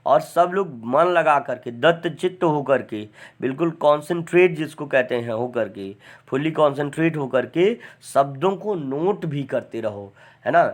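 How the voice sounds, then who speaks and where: A man teaching grammar, chatty, often adding "है ना" and dictating slowly. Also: on the high side, lively intonation. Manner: dictates word forms slowly and deliberately. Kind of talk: online class lecture.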